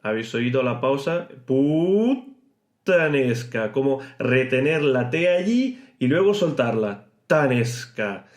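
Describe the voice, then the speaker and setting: Italian guy running a language podcast, mid pitch, drags words out slow to show sounds, kinda echoey room. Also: animated. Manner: explanatory, slows to exaggerate pronunciation. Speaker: podcast host teaching Italian. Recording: roomy echo.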